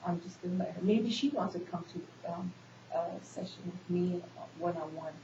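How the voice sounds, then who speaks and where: A woman's voice: on the low side, normal speed. A congested woman playing a counselor in a practice session, talking with many ums and restarts. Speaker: social work student playing the counselor in a role-play. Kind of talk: counseling session role-play. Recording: echoey room, dull hissy recording.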